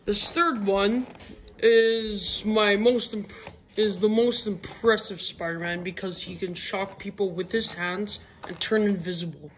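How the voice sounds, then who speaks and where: A female speaker showing off toy figures, heard in slowed-down playback that drags and deepens the voice. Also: fairly even intonation, low-quality recording. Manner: drawn-out, sluggish delivery. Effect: slowed-down playback, pitched deeper. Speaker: toy reviewer. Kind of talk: casual toy show-and-tell.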